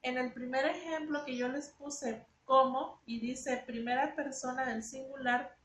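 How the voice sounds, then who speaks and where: High-voiced woman teaching in an echoey room. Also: steady tone, a little slow, slight background noise. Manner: explanatory, repeats words while teaching. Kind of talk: spoken grammar lesson.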